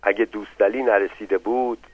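A man voicing a proud, paranoid old male patriarch who speaks in a muffled, slow, grandiose way, in a narrow phone-like recording. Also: fairly low pitch, fairly even intonation, husky. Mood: solemn.

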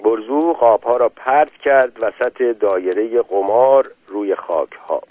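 In this audiobook, a mid-range male voice reads the narrative straightforwardly and gives the characters short voiced lines. There's no echo, and the sound is dry and tinny, like a phone or radio.

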